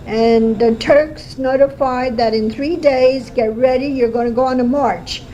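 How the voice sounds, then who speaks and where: In her seventies and born in Armenia (Erzurum, Turkey), a woman with a high-sitting, steady, dark voice slowly recalls her life in an oral history interview in her home kitchen. Her storytelling is halting, with many pauses and fillers, captured on lo-fi home cassette tape with faint hiss.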